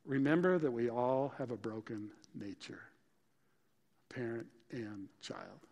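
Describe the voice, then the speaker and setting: A male pastor preaching a sermon, listing his points in a punchy, lively way. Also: mid-range voice, a little slow, creaky, big-room sound. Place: church sanctuary.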